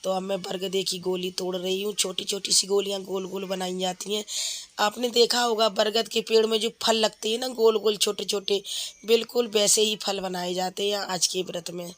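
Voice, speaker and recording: A woman's voice: mid-range voice, little pitch movement, normal speed. A woman in her thirties, a mother, chatting casually in a cooking vlog from her home kitchen, explaining each step while feverish. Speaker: vlogger, mother.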